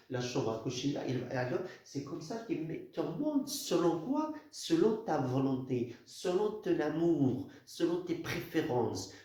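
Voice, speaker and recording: A man teaching a poem to a class in a halting way, often repeating words and stressing key phrases. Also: mid-range voice, mellow. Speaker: literature teacher. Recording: very echoey room.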